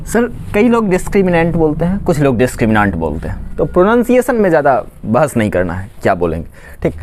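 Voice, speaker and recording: A man's voice: fairly high pitch, darkish tone, a little hiss or hum. A man from Bihar speaks as a maths teacher explaining a lesson step by step. His voice rises and falls a great deal. He keeps asking questions and answering them himself. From Khagaria, Bihar, India. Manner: asks questions and answers them himself, says "ठीक" often.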